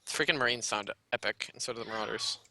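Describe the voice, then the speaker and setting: Bright-voiced excitable male game caster. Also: fairly low pitch, fast talker, no room sound. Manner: excitable, rambling, laughs often. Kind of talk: casual live game commentary.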